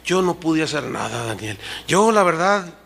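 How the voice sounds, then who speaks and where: A man preacher voicing a sorrowful king who speaks slowly and mournfully to a condemned friend. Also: fairly high pitch, big pitch swings, vocal fry, a bit bright, pitched below the performer's own voice, exaggerated voice. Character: sorrowful old king, regretful and tender.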